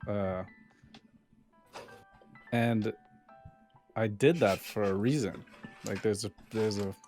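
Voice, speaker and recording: An easygoing man hosts a casual chat podcast, his voice sitting a bit low. He talks over an online call and breaks into laughter often. Faint music runs behind him. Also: takes it slowly, a little mellow. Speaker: podcast host.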